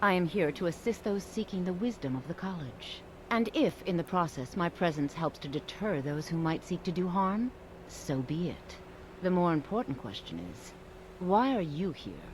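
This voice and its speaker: A stern high elf gate mage, voiced by a woman in a fantasy video game. Her voice sits low but moves a lot in pitch, with formal, measured phrasing. A light background noise runs under it. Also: animated, lightly acted. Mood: guarded. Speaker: college gate guard.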